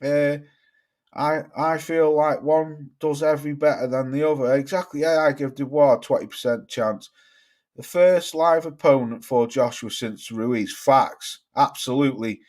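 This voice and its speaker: A man's voice: medium pitch, a little slow, a little mellow. Chatty man reading live chat. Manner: chatty, swears freely, reads chat comments aloud. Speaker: boxing livestream host. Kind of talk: casual live-chat commentary.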